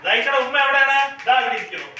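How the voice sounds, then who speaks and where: Woman preschool teacher, coaxing and repetitive, sharp bright tone, recorded far off in an echoey classroom. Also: sits high, animated, fast talker, slight background noise. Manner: coaxing, repeats questions, mixes in English phrases. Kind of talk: classroom activity with small children. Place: classroom, indoors.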